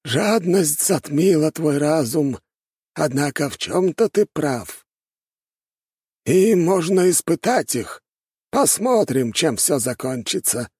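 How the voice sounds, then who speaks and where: A cunning old elder , put on by a male narrator, speaks in a high, husky, drawn-out voice. He is sly and measured and sounds sure of his schemes. The audiobook recording is dry. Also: expressive, a little mellow, no room sound, heavily acted. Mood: scheming.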